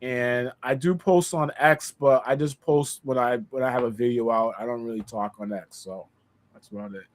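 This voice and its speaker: A man's voice: medium pitch, steady tone, normal speed. Laid-back man with a pseudo New York accent. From Boston, Massachusetts. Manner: laid-back, rambling, lots of fillers. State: recovering from dental surgery. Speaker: guest content creator. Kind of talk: casual podcast chat.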